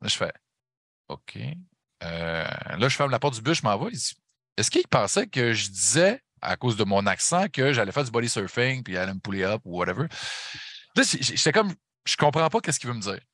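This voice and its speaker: A middle-aged man with a Québécois accent telling a story in casual chat, animated and slangy, swearing and slipping into English. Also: fairly low pitch, fairly quick, no room sound. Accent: Québécois French.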